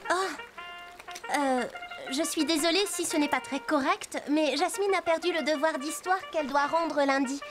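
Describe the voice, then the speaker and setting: A phone-obsessed teenage girl in a cartoon chatters eagerly and reassures her friend on the line, as a woman voices her. The voice sits very high. A music bed plays clearly behind her. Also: normal speed, close to an everyday voice. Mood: apologetic. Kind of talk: French cartoon dub.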